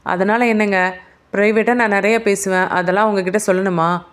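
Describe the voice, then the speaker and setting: A woman's voice: medium pitch, fairly even intonation, normal speed, close to an everyday voice. A woman voicing an evasive, indignant male police officer who is under suspicion.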